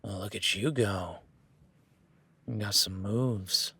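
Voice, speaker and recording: This is a heavily acted, slow delivery from a man with a voice on the low side, with slight background noise. He plays a rugged cowboy rancher who teases and sizes up a new ranch hand, talking directly to the listener in an easygoing first-person roleplay. He also speaks softly to his horse.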